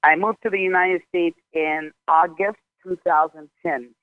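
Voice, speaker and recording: A man's voice: a little high, steady tone, measured pace, clean tone, no echo. A man in his twenties from Jordan, a guest in a casual interview, telling his story candidly and emphatically, with frequent swearing. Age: 20s. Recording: tinny phone line.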